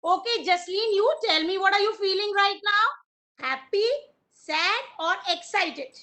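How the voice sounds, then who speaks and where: Young woman preschool teacher online, super high voice, slow and singsongy. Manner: slow, sing-song, very expressive, praising.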